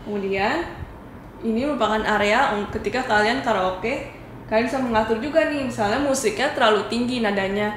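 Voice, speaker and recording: A woman's voice: on the high side, a little fast. A woman reviewing a product in a casual demo, talking viewers through it step by step in a chatty way. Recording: echoey room with faint noise.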